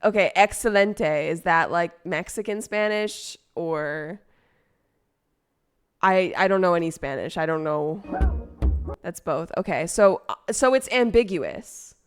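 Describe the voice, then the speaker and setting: A woman streamer in casual chat, expressive and playfully defensive. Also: lowish voice, slow, clear, resonant tone, faint music behind.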